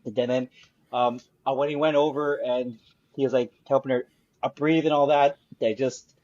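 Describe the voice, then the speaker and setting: A man's voice: mid-range voice, fairly even intonation, normal speed, darkish tone. A man co-hosting a casual podcast chat, hesitant and full of fillers. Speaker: podcast co-host. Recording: dull lo-fi mic.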